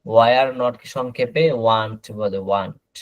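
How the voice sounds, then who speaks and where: A man teaching an online class, explaining slowly and repeating words over a video call. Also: medium pitch, fairly even intonation, no echo, lo-fi sound. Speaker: English teacher.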